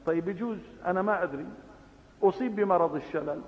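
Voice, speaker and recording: A man with a Levantine Arabic accent delivering a sermon, passionate, moving between hushed asides and loud exhortation. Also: sits high, fast talker. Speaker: preacher. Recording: phone-like, with long reverb.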